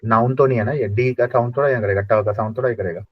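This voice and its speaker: A man gives a classroom lesson, drilling sounds slowly and saying each word again and again. His voice is dry and close, and the recording is dull and lo-fi. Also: medium pitch, fairly even intonation, husky, dry recording. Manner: slow repetitive drilling of pronunciation. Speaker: German language teacher.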